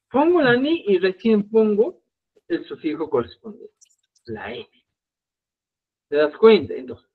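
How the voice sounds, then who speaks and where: Lively, high-voiced man teaching a Quechua lesson. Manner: explains step by step, checks in with "¿ya?" and "estimados amigos". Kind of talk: live online language lesson. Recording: tinny phone-like live stream audio.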